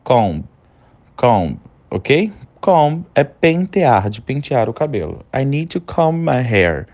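A man teaching an English vocabulary lesson, modeling words slowly and checking in with short tags after each point. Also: mid-range voice, big pitch swings, a little mellow, muffled recording. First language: Portuguese.

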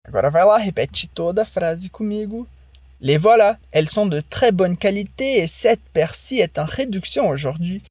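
A French teacher gives a language lesson, modeling phrases slowly and carefully so the listener can repeat them. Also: medium pitch, expressive, darkish tone, no room sound.

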